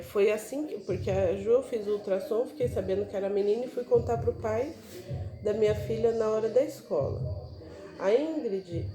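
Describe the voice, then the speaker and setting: Chatty woman in an echoey room. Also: a little high. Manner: animated, chatty, often adds "né?". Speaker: mother sharing personal story. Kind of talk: casual personal storytelling.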